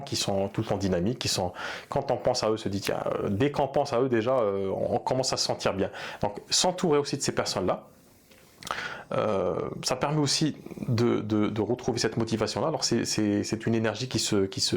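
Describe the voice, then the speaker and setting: A man with a gravelly, medium-pitched voice gives unscripted advice to camera for therapy practitioners, earnest but hesitant, with many fillers and restarts. He grew up bilingual in Arabic.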